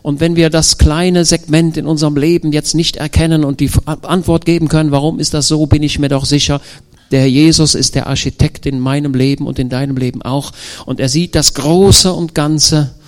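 A man's voice: a little high, fairly even intonation, moderate pace, few pauses. Emphatic man preaching a sermon. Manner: emphatic, rhetorical questions to the congregation.

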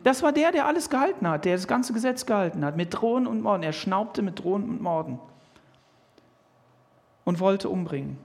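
A man with a German accent preaching a sermon, animated and emphatic, with restarts and fillers. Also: high-pitched, brisk, vocal fry.

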